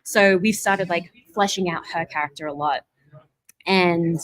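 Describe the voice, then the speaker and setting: Young Australian woman, filmmaker, chatty interviewee, slightly low voice. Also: a little slow, a little hiss or hum, rough recording. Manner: chatty, lots of fillers and laughs. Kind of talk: casual interview.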